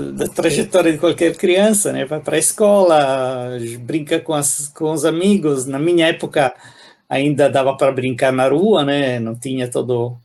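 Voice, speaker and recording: Gravelly Italian man explaining calmly. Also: fairly high pitch. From Italy. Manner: thoughtful, many pauses and "né?" tags. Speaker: philosophy professor. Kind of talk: explaining in an interview.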